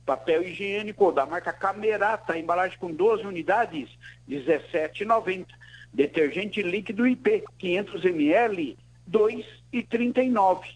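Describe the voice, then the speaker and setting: A Brazilian man with a high voice presents offers live on the radio. He reads items and prices in a promotional style. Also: normal speed, rough recording.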